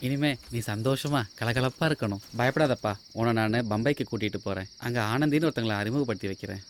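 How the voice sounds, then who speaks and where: An actor playing a worldly elder of a transgender group who banters, coaxes and reassures, in a film drama. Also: male voice, mid-range voice, fast, a little hiss or hum, natural voice. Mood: reassuring. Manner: bantering and coaxing, then softly reassuring. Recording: film soundtrack with loud music.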